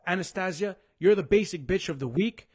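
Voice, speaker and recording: A man's voice: high voice, fairly quick, a little mellow. A man hosting a live sports show, ranting crudely and mocking athletes. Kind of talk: casual live sports rant.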